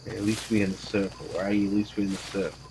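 A man's voice: on the low side, little pitch movement, fast, very noisy. A man streaming a shooter game, swearing constantly and trash-talking other players in casual chat. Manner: profane, loud trash talk at other players. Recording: loud game gunfire behind voice. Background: loud gunfire and vehicle sounds from the game.

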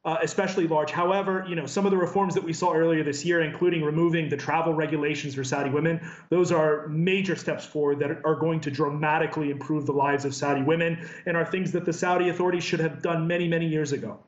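A man in his thirties speaks on a live remote news link, measured and careful, often pausing on fillers and restarting his sentences. His voice sits a little high and sounds roomy. The remote feed is dull and muffled. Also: steady tone. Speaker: human rights researcher. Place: office with a branded backdrop. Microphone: earpiece and camera video link.

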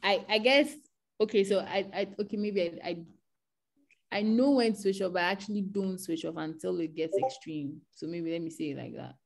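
A woman with a lowish voice and a gravelly edge speaks as a panel guest. She gives earnest advice and often starts her sentences over. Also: brisk. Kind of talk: online panel discussion.

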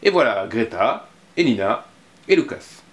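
A man's voice: mid-range voice, very animated, a little slow, echoey room, very noisy. A man presenting and reading a picture book aloud, casual and hesitant with many fillers.

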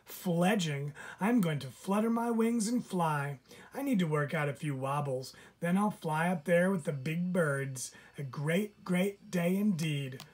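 A man reading a storybook aloud and voicing an excitable little baby chickadee, eager and proud. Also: on the high side, unhurried, breathy edge, pitched above the performer's own voice. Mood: excited.

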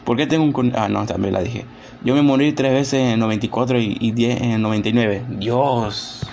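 A man's voice: medium pitch, a little fast, gravelly, darkish tone, a little hiss or hum. A young man streaming a game, chatting casually, mocking himself and groaning and sighing as he plays. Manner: chatty, self-mocking, groans and sighs while playing. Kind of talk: casual live-stream gameplay chat.

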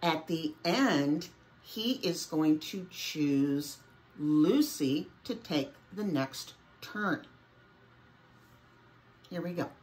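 Slow-talking music teacher, getting over a cold. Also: female voice, low voice, lively intonation, darkish tone. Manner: chatty, switches to singing solfege. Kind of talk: music lesson demonstration.

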